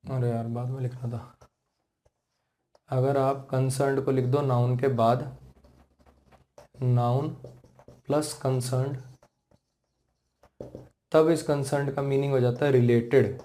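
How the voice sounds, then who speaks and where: A man's voice: medium pitch, dark tone. A man with an Indian accent teaching English grammar, who explains patiently, repeats himself and keeps checking that his students follow. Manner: slows right down to spell out English example sentences. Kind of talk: classroom lesson.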